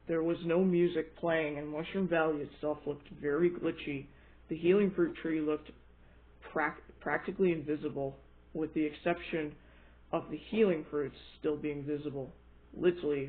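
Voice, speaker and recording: A man reading out a scripted first-person horror story, now and then stumbling over his words. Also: fairly high pitch. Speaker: creepypasta narrator. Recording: thin, phone-like narrow band.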